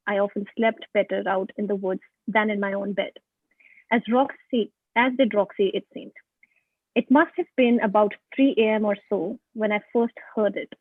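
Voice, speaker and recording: A woman's voice: medium pitch, breathy edge, no room sound. A woman reading a horror story aloud for a book club, stumbling and restarting now and then. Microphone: video call. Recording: tinny phone-like call audio.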